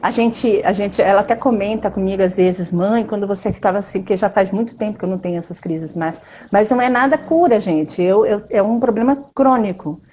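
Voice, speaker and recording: A woman with a Brazilian Portuguese accent talking in a casual live stream, expressive and emphatic, speaking straight to her audience. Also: medium pitch, brisk, hardly any pauses, slight background noise.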